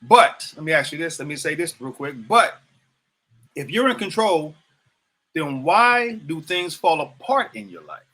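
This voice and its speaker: A man's voice: fairly high pitch, expressive, a little slow, sharp tone, slightly rough. A man in his fifties hosting a livestreamed motivational talk, preaching to viewers, repeating phrases and asking them questions directly. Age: 50s. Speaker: host.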